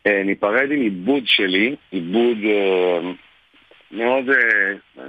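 Male musician guest, very low voice, halting and reflective, dull broadcast sound. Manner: thoughtful, searching for words with many fillers. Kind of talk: radio interview.

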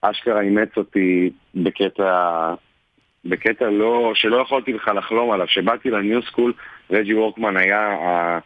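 Male musician guest, very low voice, halting and reflective, dull broadcast sound. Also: no echo. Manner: thoughtful, searching for words with many fillers. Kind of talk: radio interview.

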